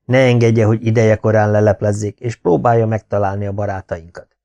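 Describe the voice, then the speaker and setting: A male audiobook reader voicing a brisk, practical male conspirator who gives earnest instructions. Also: lowish voice, little pitch movement, gravelly, dark tone, lo-fi sound. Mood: instructive.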